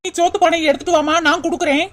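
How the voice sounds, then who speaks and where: Bossy cartoon daughter-in-law, talks fast, noisy recording. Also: female voice, very high-pitched, fairly even intonation. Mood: brisk. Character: brisk capable young daughter-in-law, bossy. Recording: loud constant noise with clicks.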